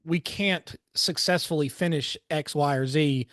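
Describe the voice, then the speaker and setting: A man hosts a podcast in a chatty, friendly way, with restarts and uhs. His voice sits fairly high for a man. The sound is dry and close to the mic. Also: measured pace, a bit bright, no room sound. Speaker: podcast host. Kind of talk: casual interview.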